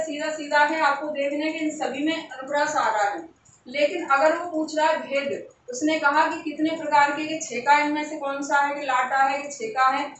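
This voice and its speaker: A high-pitched woman teacher explains grammar for exam preparation, saying each example slowly and going over it again. Her voice is heard from some distance in a strongly echoing room, with faint noise behind it. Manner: slow, repetitive explanation of examples. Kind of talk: exam-prep grammar lesson.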